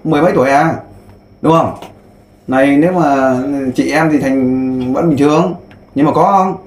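A man's voice: fairly high pitch, normal speed. A man interviewing a woman, asking probing and teasing questions. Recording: roomy sound with faint noise.

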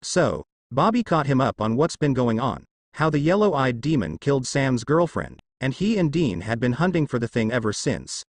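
A man narrating fanfiction in a storytelling voice with a lively, varied pitch. The recording is close and dry. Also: moderate pace, few pauses, no echo. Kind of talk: fanfiction reading.

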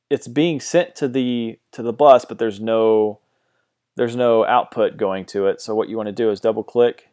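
A tutorial host with a fairly low voice casually walks through routing in music software, hesitating often. He keeps stopping, restarting and saying um. The audio sounds like a mono mic in a home recording setup.

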